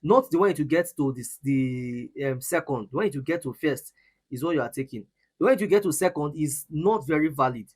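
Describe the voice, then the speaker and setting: Brief: male trading coach, slightly high voice, emphatic, repeats himself, live Q&A host. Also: animated, normal speed, darkish tone, breathy edge. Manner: emphatic, repeats words, teasing laughs. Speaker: forex trading coach hosting live session. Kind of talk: live online trading lesson with Q&A.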